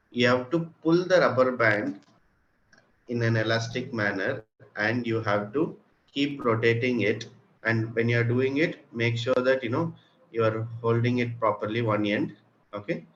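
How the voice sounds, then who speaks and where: A man with an Indian accent and a fairly bright, mid-range voice walks children through making a craft, patiently keeping each step simple and checking their progress. The recording is muffled, and room noise is clearly heard.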